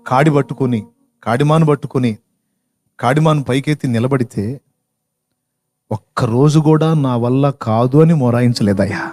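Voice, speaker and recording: A man's voice: medium pitch, a little mellow, slightly rough, natural voice. A man voicing an old farmer who grieves over his dying ox, pleading and rising to anguished cries as he tells the story in a sermon.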